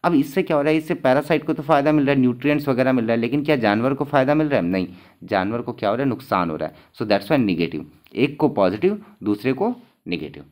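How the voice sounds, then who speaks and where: A man's voice: medium pitch, lively intonation, fast talker, darkish tone. A man, teaching exam material and answering his own questions, repeating each key term as he goes.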